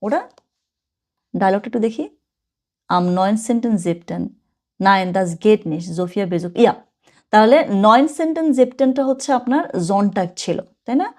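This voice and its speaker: A woman gives a relaxed online language lesson. Her talk is chatty and informal, and she slows right down to sound out each example phrase with care. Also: mid-range voice. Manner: casual, chatty, mixes languages, reads German slowly and carefully. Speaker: German language teacher.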